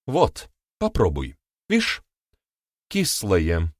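A man's voice: fairly low pitch, very animated, normal speed, no echo, clean studio sound. A man voicing an indignant, complaining older woman in an audiobook, raising his voice for her. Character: quarrelsome older woman, a mother-in-law. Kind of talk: audiobook character voice.

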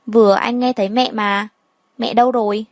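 A woman voicing an affectionate young husband who talks in a relaxed, easygoing way, read in a storybook. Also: fairly high pitch, normal speed, dry recording, lightly acted.

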